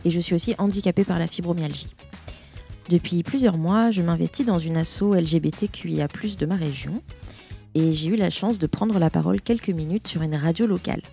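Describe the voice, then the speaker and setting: Podcast host, woman, 30s. Mellow, creaky tone, outspoken. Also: lowish voice. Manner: lively, outspoken, informal. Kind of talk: podcast intro and interview.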